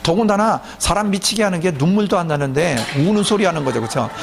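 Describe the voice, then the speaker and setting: A man's voice: high voice, expressive, fast, gravelly, a little hiss or hum. A man preaching a sermon as a pastor, often asking his congregation questions and then answering them himself.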